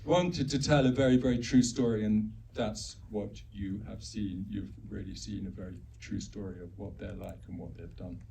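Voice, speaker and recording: A man's voice: on the low side, fairly even intonation, moderate pace, gravelly, few pauses. A man from Uganda, a film co-director answering audience questions earnestly, repeating words for emphasis. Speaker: film co-director, panel guest. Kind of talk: post-screening Q&A answers. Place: screening venue with live audience. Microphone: handheld mic held too far off. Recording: distant mic with faint noise.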